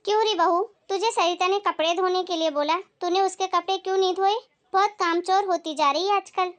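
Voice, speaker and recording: A woman's voice: extremely high pitch, fairly even intonation, a little fast. A woman voicing a middle-aged mother who dotes on her daughter and bosses her son's wife, in a dramatized moral story. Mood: scolding. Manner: scolding, bossy toward the daughter-in-law. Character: doting, scheming middle-aged mother-in-law.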